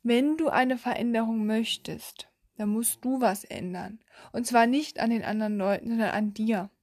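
Young woman giving a pep talk, earnest, slightly high voice, dry close sound. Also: moderate pace, a little mellow, no room sound. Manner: earnest, addresses the listener directly, self-correcting. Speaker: self-help vlogger. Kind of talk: motivational talk to camera.

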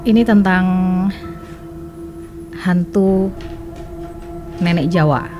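A woman's voice: lowish voice, extremely slow, music in the background. A woman from Indonesia co-hosting a podcast, casually retelling a listener's story and explaining as she goes. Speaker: podcast co-host. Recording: faint background noise and ambience.

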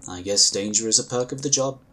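Here the same psionic inquisitor role sounds thoughtful and reasoning, voiced by a man in a lowish register. The actor stays calm and courteous, keeping his phrasing formal and measured for the sci-fi audio drama.

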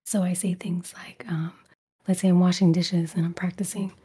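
A woman's voice: fairly low pitch, little pitch movement, normal speed, warm tone, breathy edge. A woman who makes ASMR videos, answering interview questions mostly in a whisper, with lots of "like" and "you know".

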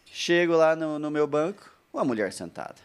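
A man's voice: on the high side, expressive, normal speed, a little hiss or hum. A man with a Brazilian Portuguese accent telling a long personal anecdote in casual chat, with repeated words and quoted asides. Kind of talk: casual storytelling.

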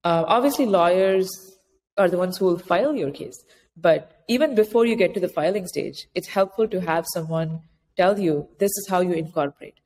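This interview guest is a female author who counsels immigrant founders, talking at a moderate pace in a low, somewhat dark voice. She explains practical advice conversationally. There's noticeable background noise and an echoey, hall-style reverb.

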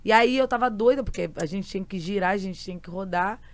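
A woman's voice: medium pitch, fast. A woman who is a singer, a guest in an interview, chiming in and finishing her partner's sentences. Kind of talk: casual interview chat.

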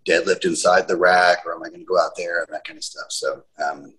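A man's voice: deep voice, steady tone, fairly quick, pushed and bright. A man talking loosely and conversationally in a casual hobbyist chat, with casual swearing. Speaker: home gym roundtable panelist.

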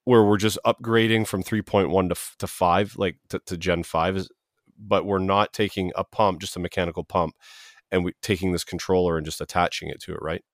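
A man's voice: deep voice, steady tone, a little fast, no echo, studio quality. A man hosting a casual trade talk show, asking questions with stammering restarts and jokey asides. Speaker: podcast host. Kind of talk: casual chat.

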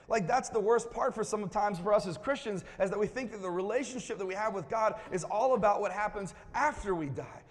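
A man preaching a sermon in a church, reading scripture aloud and calling on the congregation to answer back. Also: sits high. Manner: lively, calls on the congregation to respond. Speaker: pastor. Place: church hall. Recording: long hall reverb.

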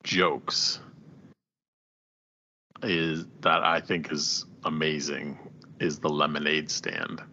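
Deep bright-voiced man, laughing often. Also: flat delivery, slow pace, pauses often, muffled recording, a little hiss or hum. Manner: enthusiastic, laughs often while recounting jokes. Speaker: podcast co-host. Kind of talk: casual movie discussion.

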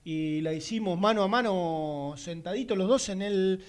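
A radio sports host with an Argentine Spanish accent co-hosts a talk show in a casual, rambling, chatty way, often trailing off. His voice is high-pitched, clear and resonant, at normal speed.

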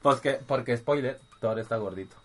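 A man's voice: medium pitch, moderate pace, slight background noise. A man co-hosting a podcast, joking and teasing his friends in casual chat. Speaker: podcast co-host.

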